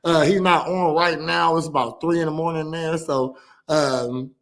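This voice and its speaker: A man's voice: on the high side, steady tone, normal speed, a crowd in the background. A man hosting a casual podcast, rambling with lots of fillers and restarts. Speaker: podcast host.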